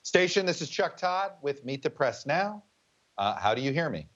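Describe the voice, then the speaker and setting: A man's voice: on the high side, sing-song, moderate pace, fairly bright tone. A man interviewing as a news program host in a conversational, direct way. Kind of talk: broadcast interview questioning. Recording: slightly muffled link audio.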